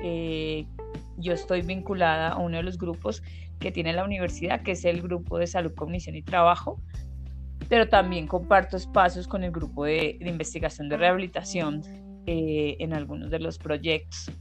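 A woman's voice: on the low side, steady tone, normal speed, music in the background. A middle-aged Colombian woman with a Colombian accent, a professor speaking as a podcast guest, articulate with fillers. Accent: Colombian Spanish. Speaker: occupational therapy professor, guest. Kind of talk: podcast interview.

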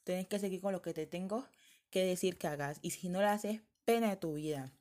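A cruel old crone barks threats and orders in a scolding, menacing tone, as a woman storyteller puts her on. She speaks a little low for a woman, in a spoken storybook tale. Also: a little fast, mellow, close to an everyday voice. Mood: threatening. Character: cruel scheming old woman, a witch-like tyrant.

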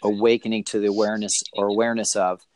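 A man's voice: fairly low pitch, little pitch movement, racing, a little mellow, dry recording. A man hosting an interview, easygoing and affirming, asking long rambling questions. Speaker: interviewer host. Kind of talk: conversational interview.

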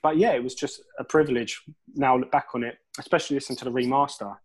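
A man's voice: mid-range voice, steady tone, very fast, husky, low-quality recording. Man, guest musician, rambling casual storyteller, swears and laughs a lot.

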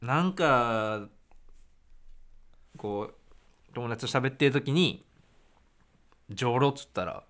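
A young man chats on a podcast. His voice sits at an ordinary middle pitch, and he turns playful and animated when he argues a point. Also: slow pace, pauses often. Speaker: podcast co-host, band member. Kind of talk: casual chat.

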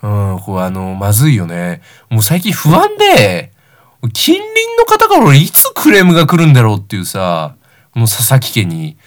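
A young man of about nineteen talks alone as host of a comedic talk show. He rambles through anecdotes and mocks himself, and his pitch swings widely up and down as he goes. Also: huge pitch swings, normal speed. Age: young adult, about 19. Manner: rambling, self-deprecating comic storytelling.

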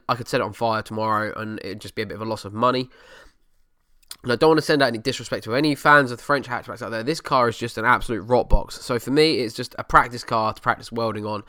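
A man's voice: mid-range voice, bright, forceful tone, clean tone, dry recording, clean studio sound. A man with an Essex accent, hosting a podcast and casually chatting through listener questions, sometimes dropping letters from his words. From Essex, England. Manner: drops letters, over-pronounces some words. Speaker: podcast host.

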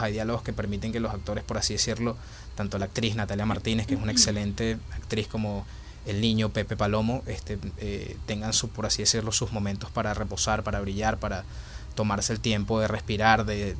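Young Venezuelan man, low flat delivery, hesitant interview answers, faint noise. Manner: thoughtful, many fillers and restarts. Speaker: filmmaker and actor.

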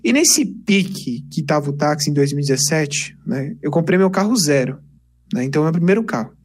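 A young man, casually telling lively stories on a podcast. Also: fairly high pitch, a little fast, slightly rough. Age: 20s. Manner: animated, chatty, peppers speech with "cara". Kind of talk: casual storytelling chat.

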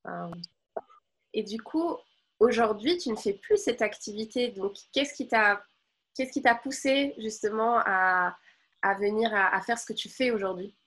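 A woman's voice: mid-range voice, a little slow, a bit bright, breathy edge. A woman hosting an interview, effusive with frequent exclamations. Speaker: host.

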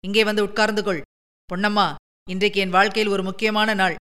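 A woman reading a story, voicing an eager, talkative young man who speaks in rapid, excited bursts. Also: medium pitch, clean tone, close to an everyday voice. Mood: cheerful, eager.

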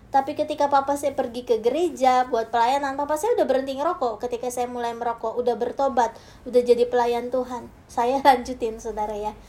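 A woman preacher giving a sermon with a personal testimony, speaking straight to the congregation and moving between hushed, soft passages and loud, emphatic ones. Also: high-pitched.

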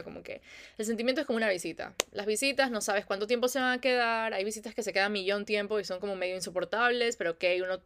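A woman's voice: medium pitch, no echo, clean studio sound. A young woman talks reflectively about feelings as a podcast host, chatty with many fillers. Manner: warm, chatty, many filler "como que". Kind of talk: reflective casual talk.

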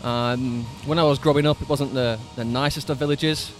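A man with a Lancashire accent, a fitness coach on a podcast, telling stories in a laid-back way with plenty of pauses. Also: medium pitch, fairly even intonation, faint music behind. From Preston, Lancashire, England. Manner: laid-back, storytelling with many "um"s. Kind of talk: casual interview chat.

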